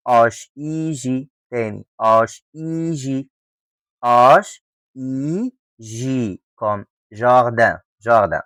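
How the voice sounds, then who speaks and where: A young man with an Egyptian Arabic accent teaching French letter sounds, drilling them slowly with repetition and joking asides. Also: mid-range voice, fairly bright tone, no room sound. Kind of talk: spoken pronunciation lesson.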